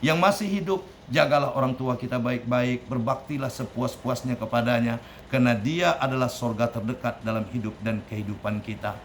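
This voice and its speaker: A man's voice: mid-range voice, a little fast, a little hiss or hum. A male Islamic preacher telling a story in a sermon, with an emphatic delivery that rises and falls. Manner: emphatic, rising and falling delivery. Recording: echoey room, faint ambience.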